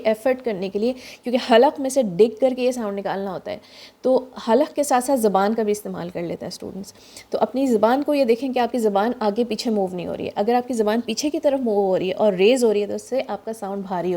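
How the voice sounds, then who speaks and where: A woman's voice: a little high, dark tone. A woman teaching pronunciation of throat letters, explaining step by step and demonstrating each sound. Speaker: Quran recitation teacher.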